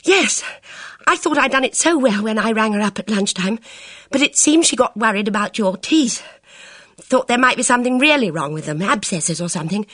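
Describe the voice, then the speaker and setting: Woman reader doing a jittery young girl, pitched way up and loud, close dry sound. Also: expressive, fairly quick, no room sound. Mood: agitated. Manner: breathless, high and agitated. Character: anxious excitable young woman on the phone. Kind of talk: audiobook character reading.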